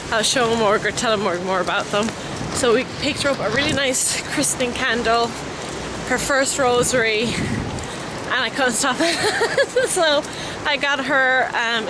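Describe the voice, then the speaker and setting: A woman vlogger talks in a casual, chatty way. Her voice is pitched a little high, and clear street and outdoor noise with traffic runs behind her. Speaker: family vlogger. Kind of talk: casual vlog chat. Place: outdoors in town and by a lake.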